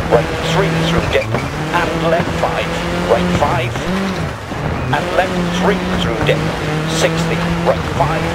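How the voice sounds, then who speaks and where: Game rally co-driver: rapid pace notes, clipped and businesslike, slightly high voice, heavy engine roar behind. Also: male voice. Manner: clipped, terse instructional calls. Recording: loud car engine and tire noise. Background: racing car noise.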